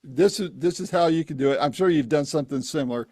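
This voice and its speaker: A man's voice: on the high side, fast, darkish tone, no room sound. A man chatting casually as an interviewer, talking in a loose, rambling way.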